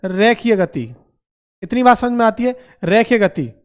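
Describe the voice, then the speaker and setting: Guy teaching physics, high voice, keeps repeating stuff, quizzes then answers himself. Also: unhurried, smooth. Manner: repetitive, calls students beta and mere bhai; asks questions and answers them himself. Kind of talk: classroom lecture.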